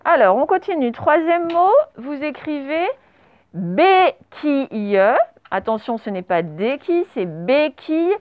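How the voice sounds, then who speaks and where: A woman's voice: high-pitched, animated, normal speed, hardly any pauses, no room sound. A woman primary school teacher giving a spelling dictation, drawing out each syllable and spelling the letters aloud through a face mask. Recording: narrow phone-like sound. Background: traffic noise through open doors.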